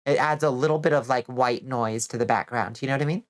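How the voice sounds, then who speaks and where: A woman's voice: very deep voice, fast. A woman chatting casually with her chat as she plays a game, sounding nasal and stuffy from congestion, rambling and swearing now and then. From Georgia, US. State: stuffy nose. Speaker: vtuber streamer. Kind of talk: casual chat while gaming, reading chat.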